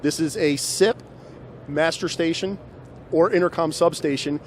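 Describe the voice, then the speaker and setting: A middle-aged man with a fairly high, steady voice presents products at an unhurried pace, chatting through a promotional demonstration on a handheld mic. The large, busy trade show hall's noise is clearly audible behind him.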